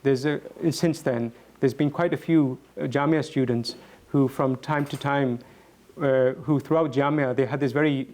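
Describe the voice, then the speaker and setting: A man speaking reflectively as a guest answering questions, earnest and halting, often repeating words as he goes. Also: medium pitch, fairly even intonation, darkish tone.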